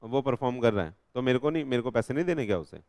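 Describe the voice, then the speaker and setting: With rapid-fire, expressive delivery in a slightly mellow mid-range voice, a young man with an Indian accent runs a live law revision class. He mixes Hindi and English legal terms, quizzing and joking with students constantly, in a dry, studio-quality recording.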